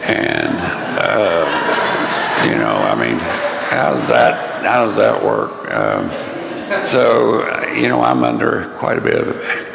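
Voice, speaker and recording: Low, raspy, gravel-voiced man giving a speech. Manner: halting, rambling, self-deprecating. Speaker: keynote speaker. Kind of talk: informal motivational speech. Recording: echoey room with clear noise.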